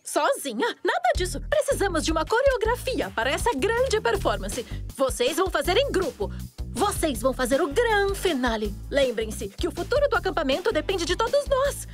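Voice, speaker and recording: Very high, excitable girl organiser. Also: normal speed, faint music behind. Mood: urgent. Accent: Brazilian Portuguese. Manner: emphatic, commanding, theatrical. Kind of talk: animated cartoon dubbing.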